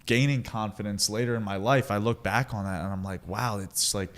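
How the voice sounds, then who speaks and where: A man's voice: fairly low pitch, fairly quick. A man co-hosting a podcast as a coach, talking candidly with many fillers and steering the questions. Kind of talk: casual chat.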